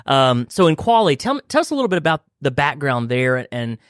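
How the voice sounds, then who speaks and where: A man's voice: mid-range voice, sing-song, fairly quick, smooth, no room sound, clean studio sound. A man hosting a company podcast, chatting casually and teasing his guests with jokes. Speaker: podcast host. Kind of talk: casual chat.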